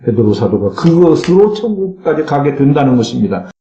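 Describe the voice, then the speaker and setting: A man's voice: mid-range voice, very animated, a little fast, mellow, muffled recording. A man preaching a Sunday sermon as pastor, reading scripture aloud and breaking into fervent cries. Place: church sanctuary. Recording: echoey church sanctuary.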